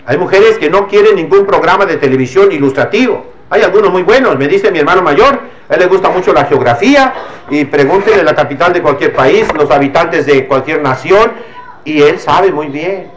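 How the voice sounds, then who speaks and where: High-voiced priest scolding in a sermon. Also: male voice, lively intonation, normal speed, slight background noise, rough recording. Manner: scolding and admonishing, with homely everyday examples.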